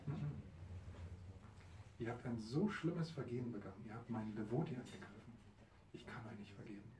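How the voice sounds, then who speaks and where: A man's voice: medium pitch, moderate pace, background noise, lightly acted. A man doing a stern divine lord. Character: stern, wrathful then merciful male divine lord. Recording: roomy hall, mic far, audience.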